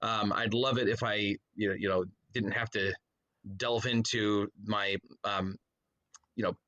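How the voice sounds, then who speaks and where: A podcast guest, this man talks casually and rambles, telling stories that he keeps interrupting with asides that trail off. His voice sits on the low side with fairly even intonation, a little slow, pushed and bright, and the sound is lo-fi.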